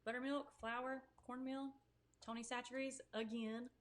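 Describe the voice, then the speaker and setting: A woman's voice: a little high, flat delivery, a little slow. Upbeat woman cooking at home. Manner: upbeat, playful, explains recipes as she cooks. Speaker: co-host of a live-streamed cooking show. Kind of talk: casual live-stream chat. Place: home kitchen.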